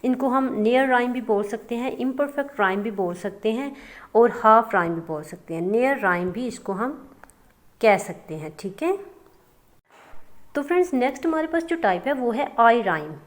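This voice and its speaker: Brief: woman teacher, fairly high voice, patient step-by-step lecture, checks in often. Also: lively intonation. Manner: reads definitions out slowly; writes on a board while she talks. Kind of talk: classroom lecture.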